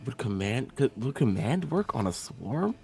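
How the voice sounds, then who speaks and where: A man's voice: medium pitch, very animated, normal speed, creaky, mellow, faint music behind. A man playing a tabletop game, talking casually and hesitantly as he thinks aloud.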